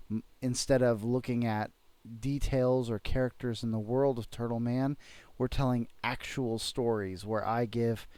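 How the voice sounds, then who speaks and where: A man's voice: mid-range voice, a little mellow, clean tone, no echo. Man hosting a casual family podcast. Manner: encouraging, prompting questions, then an upbeat promotional sign-off. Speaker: podcast host and father. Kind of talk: casual podcast chat with his child.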